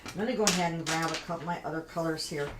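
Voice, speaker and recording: A woman's voice: sits low, rapid-fire, heavy background noise. A woman hosting a live coloring tutorial, chatting casually and giving instructions. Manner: chatty, instructive, greets viewers by name.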